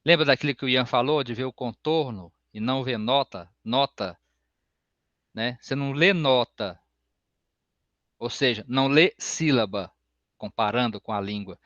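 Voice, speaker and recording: A man giving an open music class, explaining slowly and breaking into sung solfège syllables. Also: mid-range voice, fairly bright tone, no room sound. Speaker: music teacher. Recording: dull, lo-fi sound.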